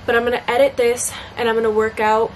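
This bubbly college student in her twenties vlogs from a small bedroom, rambling casually about her day with lots of fillers to a camera held close, at arm's length. Her somewhat high voice sounds congested and she talks fast. The low-quality recording has a steady background hiss under her voice.

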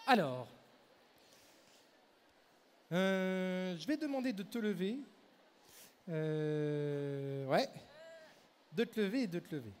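Male stage mentalist, high voice, brisk crowd-directing delivery; handheld mic in a reverberant hall. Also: lively intonation, a little mellow, slight background noise. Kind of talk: live stage mind-reading show. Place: large hall at a fair. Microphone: handheld microphone. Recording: echoey hall, faint crowd ambience.

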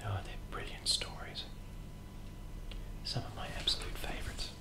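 Young man's hushed library whisper, whispered role-play. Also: moderate pace, rough recording. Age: young adult. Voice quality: soft, breathy, unvoiced whisper. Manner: gentle, hesitant, hushed library manner. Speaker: librarian recommending and reading children's books. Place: small plain room indoors.

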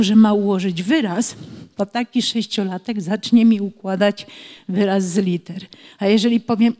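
A woman's voice: medium pitch, dark tone. A middle-aged woman explains speech games to preschool teachers in a patient, explanatory way. Her voice sits in a middle register. It carries a long reverberant tail, as if the room is hard and large. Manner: explanatory, reads children's rhymes aloud with slow rhythmic emphasis. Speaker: author and early-years educator. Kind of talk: webinar talk for preschool teachers.

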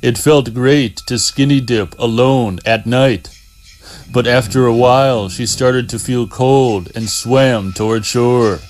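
A man narrating an audiobook in a slow, measured way. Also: mid-range voice, steady tone, a little mellow.

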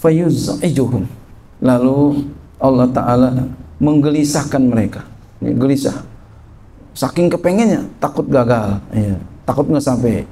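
Middle-aged male religious teacher, mellow gravelly voice, explaining a kitab in casual, animated talk. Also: mid-range voice, a little slow, long pauses, slight background noise. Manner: reads Arabic text then explains it in lively colloquial speech. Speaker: Islamic teacher. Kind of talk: kitab study lesson.

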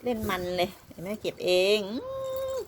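A woman's voice: medium pitch, moderate pace, noisy background. A woman talking to her pets at home in a coaxing, scolding baby-talk way. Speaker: pet owner. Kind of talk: casual chat to her pets.

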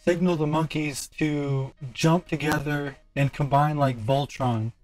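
A man's voice: fairly high pitch, fairly even intonation, unhurried, faint music behind, rough recording. A man live-streaming who laughs often and reads out joking prompts in a casual way.

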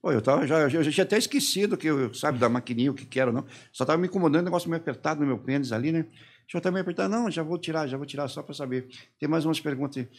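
A middle-aged man from Brazil, a podcast guest, telling his story haltingly and quoting the people who questioned him. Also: a little high, husky. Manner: halting retelling, quoting his interrogators and himself. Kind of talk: personal testimony in a podcast interview.

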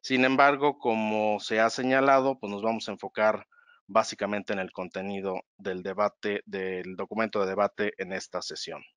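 A man presenting slides in a webinar, explaining in a measured way and calling for the next slide. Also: fairly low pitch, flat delivery, a bit bright, clear, resonant tone, no room sound.

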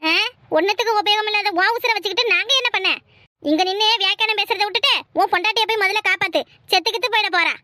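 A cruel, stingy village landlady, scolding and scornful, as a woman voices her. She talks very high and fast with a bright edge, recorded dry for a cartoon. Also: no room sound. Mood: contemptuous. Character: cruel, stingy rich landlady, sharp-tongued.

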